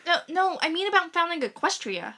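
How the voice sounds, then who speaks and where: A man putting on a shrill exasperated cartoon pony mare. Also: big pitch swings, brisk, pushed and bright, slight background noise, heavily acted.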